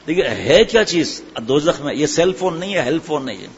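A man's voice: a little high, sing-song. A middle-aged man preaching a sermon, asking his listeners questions and answering them himself. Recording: hall echo, dull sound, faint ambient noise.

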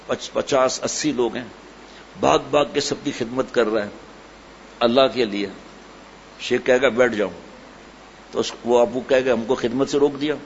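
Man, religious teacher, sermon, folksy storytelling, gravelly, faint background noise. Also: medium pitch. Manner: storytelling, folksy, rhetorical questions. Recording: slightly dull recording with faint noise.

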